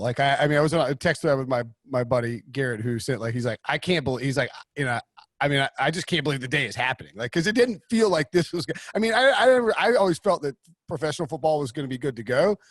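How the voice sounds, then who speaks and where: A man hosting a casual sports betting podcast, talking in an animated, rambling way with many restarts. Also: fairly high pitch, no echo, clean studio sound. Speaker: podcast host.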